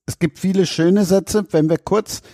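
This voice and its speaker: A man's voice: sits high, steady tone, unhurried, warm tone, no room sound, clean studio sound. A man hosting an interview, enthusiastic about his guest's stories. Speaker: host. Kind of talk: interview talk.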